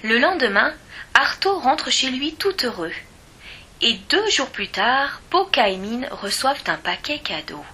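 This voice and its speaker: Woman storyteller reading a children's story, slow, bright, expressive. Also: high voice, a little hiss or hum.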